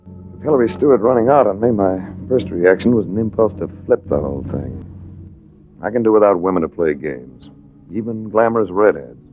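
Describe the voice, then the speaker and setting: In the style of 1940s radio drama, a man plays a wry, self-assured hardboiled investigator, both narrating and talking. His fairly low, animated voice moves a little fast and sounds close to an everyday voice. Faint music sits behind him on a tinny, noisy vintage recording.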